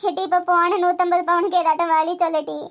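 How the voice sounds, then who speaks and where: Woman doing a wailing nagging cartoon mom, tirunelveli tamil, super high voice, talks fast. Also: little pitch movement, fairly bright tone, lo-fi sound. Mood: scolding. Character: scolding anguished middle-aged wife and mother. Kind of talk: comedy cartoon voice acting.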